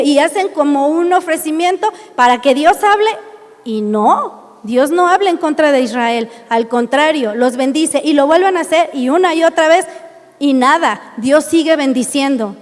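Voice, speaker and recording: A Mexican woman preaches in a high voice, pressing her points with one rhetorical question after another. Her sermon rings with long reverb in a church hall. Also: normal speed. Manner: emphatic, asks many rhetorical questions.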